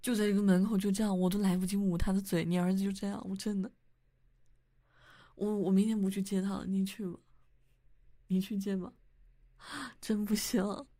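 A woman's voice: medium pitch, level tone, normal speed, long pauses, no echo, lightly acted. A young woman acting as a wife and mother in a whispered role-play, talking intimately and teasingly to her husband. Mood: flustered scolding. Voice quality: soft whispery delivery. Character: young wife, playful, easily flustered.

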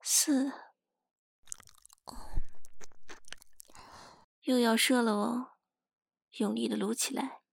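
A woman voicing a teasing, contemptuous, dominant young woman in an adult ASMR role-play, breathy and husky, murmuring right into the listener's ear. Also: on the high side, fairly even intonation, unhurried, a little hiss or hum. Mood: taunting, whispering. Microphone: very close, dry microphone.

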